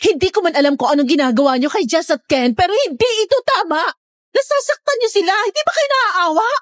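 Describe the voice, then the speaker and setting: Horror story part: narrator as an upset, headstrong young woman, very high voice, emotional and insistent, dry recording. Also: expressive, fairly quick, no room sound. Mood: defiant, upset. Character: distraught, stubborn young woman confronting a cursed family.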